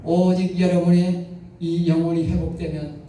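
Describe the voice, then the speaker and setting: A male pastor with a Gyeongsang accent preaching a sermon with emphatic, rising exclamations and rhetorical questions. His voice sits high but has a mellow tone. It rings through a very echoey church hall, picked up from some distance. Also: level tone, normal speed, a little hiss or hum. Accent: Gyeongsang Korean. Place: church sanctuary.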